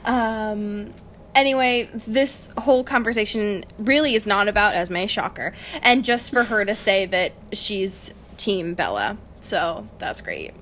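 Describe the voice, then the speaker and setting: A woman's voice: medium pitch, animated, unhurried, fairly bright tone. A young woman co-hosting a casual podcast book chat, wry and giggly, with informal slangy phrasing. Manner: giggly, laughs often while talking. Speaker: podcast co-host. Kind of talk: casual chatty book discussion. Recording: faint background noise.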